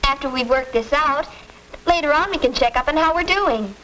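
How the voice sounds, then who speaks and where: An actress as an earnest teenage girl in a 1940s family film. Her voice is high, with a fair-minded, carefully scripted delivery. Light crackle sits on the old soundtrack. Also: normal speed, lightly acted. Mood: earnest, pointed. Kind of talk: stagey scripted 1940s educational film acting.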